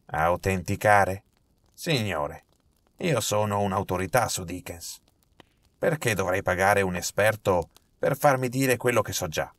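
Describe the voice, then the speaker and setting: A man voicing a nervous, miserly old male collector, fussy and quick to protest. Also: low voice. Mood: indignant.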